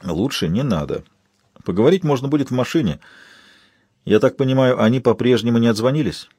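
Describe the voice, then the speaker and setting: Quiet, dry-spoken detective with a husky voice, read by a man, audiobook figure. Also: medium pitch, animated, brisk, dry recording. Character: calm, weary male detective.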